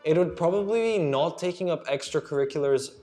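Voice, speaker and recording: A teenage boy from Slovakia chats through a casual question-and-answer vlog, earnest and friendly, calling his viewers dude. His voice sits fairly high for a guy. Soft music plays faintly under him. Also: brisk. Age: teens. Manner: chatty and earnest, addressing viewers as guys and dude. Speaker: student YouTuber. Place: at home at night.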